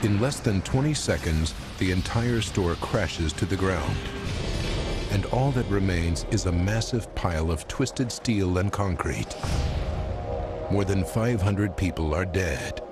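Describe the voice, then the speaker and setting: Over loud, dramatic background music, an American-accented man delivers documentary narration that is grave and suspenseful. His voice is deep and his pace measured.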